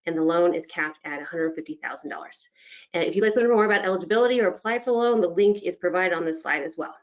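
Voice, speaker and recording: Lady with a lowish voice running through program updates on a webinar call, um-ing and restarting, kinda muffled lo-fi sound. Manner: brisk, informative, with frequent ums and restarts. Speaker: state agency presenter. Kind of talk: webinar presentation. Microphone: video call. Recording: dull lo-fi online call audio.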